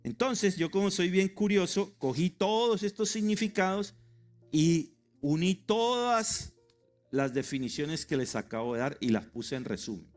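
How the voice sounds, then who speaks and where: A man's voice: sits high, a little slow, faint music behind. A middle-aged man preaching a sermon to his congregation, emphatic and joking, spelling out words for them. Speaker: pastor. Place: church sanctuary.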